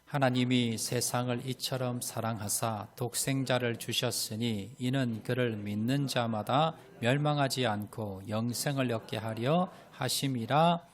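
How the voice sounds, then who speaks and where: A man's voice: mid-range voice, unhurried, few pauses. A man as pastor, preaching a Sunday sermon in a church and leading the congregation in readings and greetings. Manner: leads congregation in readings and greetings, lively storytelling. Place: church sanctuary.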